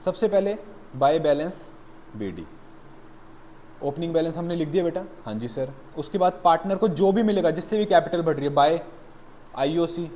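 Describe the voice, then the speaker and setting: A man's voice: fairly high pitch, expressive, normal speed, pauses often, a little mellow, slight background noise. A man teaching an accountancy lesson, calling his students "beta" and mixing explanation with blunt motivational scolding. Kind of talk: classroom lecture.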